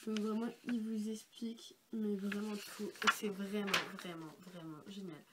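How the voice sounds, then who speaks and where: A woman's voice: mid-range voice, fairly even intonation, normal speed. A young woman vlogger with a congested, sick-sounding voice, explaining things in a casual, chatty, rambling way. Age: young adult. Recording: noisy amateur home-video sound.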